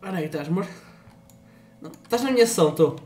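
Young Portuguese streamer, swearing and teasing. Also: male voice, sits high, animated, quick pace, darkish tone. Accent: European Portuguese. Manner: swears a lot, teasing and loose, often laughing. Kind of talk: casual gaming stream chat.

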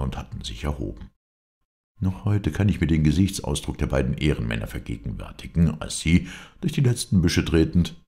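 A man's voice: a bass voice, gravelly, warm tone. A man reading an adventure novel aloud as an audiobook narrator, with dramatic intonation. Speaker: audiobook reader.

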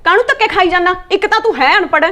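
A woman with an Indian Punjabi accent playing a skeptical village wife who scolds her husband with sharp retorts. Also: extremely high pitch, racing. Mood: scolding. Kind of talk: comedy skit acting.

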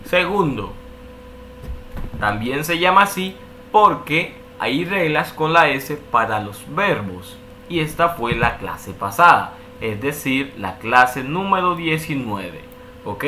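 A man's voice: medium pitch, very animated, slow pace, sharp tone, slight background noise. A man teaching an online language lesson, patiently walking through rules and checking in often with a questioning "ok". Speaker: English teacher.

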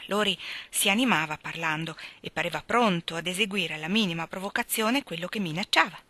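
A woman reading a classic novel aloud in a measured, expressive narration, close to the mic. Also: fairly low pitch, dry recording. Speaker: audiobook reader.

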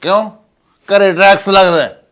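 A man's voice: sits high, moderate pace, a bit bright, smooth. An actor playing a surly, drunk young husband who talks back defiantly to his mother. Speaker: son and husband. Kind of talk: village family drama acting.

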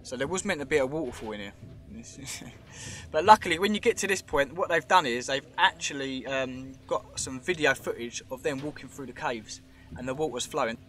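A man with a sharp, mid-range voice talks at normal speed while filming a show cave underground on a handheld camera. As a vlogger, he chats, rambles, speculates, and highlights what he sees.

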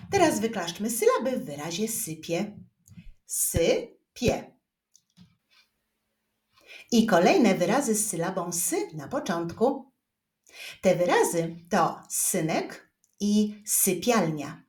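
A woman teaching young children to read, speaking slowly and clearly and drawing out each syllable. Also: mid-range voice. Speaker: reading teacher. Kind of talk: slow children's reading lesson. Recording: roomy echo.

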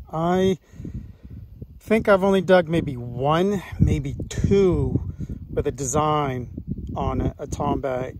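Chatty man outdoors in loud wind. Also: on the high side. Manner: chatty, upbeat, talks to viewers while working. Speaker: metal detecting vlogger. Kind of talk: casual running commentary while digging. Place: outdoors in a rural field by an old cellar hole.

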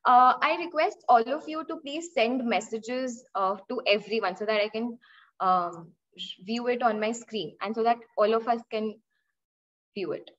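A little high and a little slow, a young woman speaking Indian English runs an online session on data analytics as a webinar instructor. Often repeating or restarting phrases, she explains with examples and asks her students questions, captured in an indoor room through a laptop mic on a video call, sounding dull and lo-fi.

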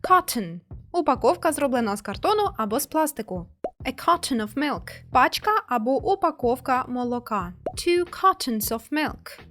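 A woman teaching English vocabulary, reading each word and phrase slowly and clearly, then giving its translation. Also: high voice, expressive, fairly bright tone, faint music behind. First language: Ukrainian. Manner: slow, clear, measured word-by-word delivery.

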